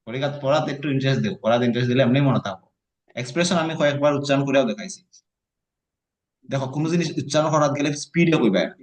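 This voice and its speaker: Man, online tutor, patient, coaxing, spells words out slowly. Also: medium pitch. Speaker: teacher.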